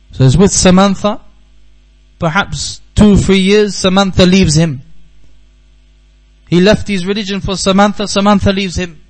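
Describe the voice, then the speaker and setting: A man's voice: sits high, darkish tone, rough recording. A man from the United Kingdom giving a religious talk at a seminar, telling a story earnestly and repeating key phrases for emphasis. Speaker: Islamic teacher. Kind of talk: Q&A talk after a religious lesson. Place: seminar hall.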